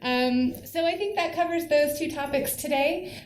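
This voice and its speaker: A woman's voice: sits high, moderate pace. A woman hosting an informational talk, affirming and summing up for the listener. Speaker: host. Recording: echoey room with faint noise.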